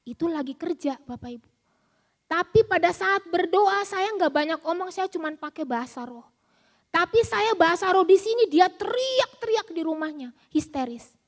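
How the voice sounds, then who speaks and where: Woman preaching, very high voice, tells her story and acts out the voices. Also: expressive, normal speed. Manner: storytelling, acts out quoted voices, drops to a hush. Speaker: speaker at a prayer meeting. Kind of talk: sermon with personal story.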